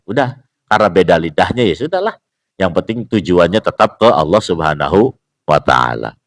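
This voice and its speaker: A man giving a relaxed religious lesson at a mosque, joking with the congregation, asking rhetorical questions and slowly sounding out words to show how they are pronounced. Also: fairly low pitch. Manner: acts out pronunciations, repeating words slowly. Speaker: mosque teacher. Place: mosque at dawn study session.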